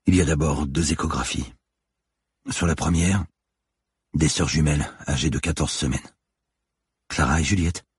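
A man's voice: rumbling low, fairly even intonation, moderate pace, long pauses, breathy edge, no echo, studio quality, exaggerated voice. A man voicing a young woman police officer, terse and commanding. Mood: haunted confiding.

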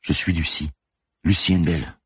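A man's voice: low voice, steady tone, moderate pace, a bit bright, breathy edge, no echo, clean studio sound, voice pushed up, heavily acted. Urgent policewoman, read by a man. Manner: urgent reassuring. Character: firm woman police lieutenant, insistent.

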